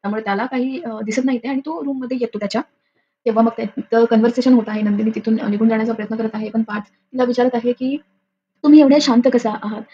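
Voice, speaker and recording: Woman, casual serial recap, rapid speech, lots of fillers, muffled lo-fi sound with faint hiss. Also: on the high side, fairly even intonation. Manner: rambling retelling with many filler sounds and restarts. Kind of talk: casual spoken episode recap. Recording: dull lo-fi audio with faint noise.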